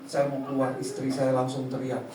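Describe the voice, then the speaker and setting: A man preaches, joking and acting out short scenes as he goes. His voice comes from a distance in an echoey church hall. There is a steady wash of noise behind him. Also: mid-range voice. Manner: humorous, mimics voices in quick asides. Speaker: pastor. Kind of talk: lively preaching with acted-out anecdotes.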